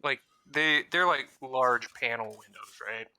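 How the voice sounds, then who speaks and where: A man's voice: medium pitch, unhurried, sharp tone, a little hiss or hum. A man playing in a tabletop game, asking questions about the scene before his character acts. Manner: questioning, checking details before acting. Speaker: player. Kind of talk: casual tabletop play.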